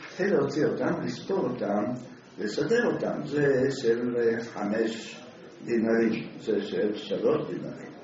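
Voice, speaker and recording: A man preaching a sermon, telling a story with animated delivery and acting out the characters. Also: mid-range voice. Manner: animated, acts out the characters' voices. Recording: echoey hall, distant dull mic.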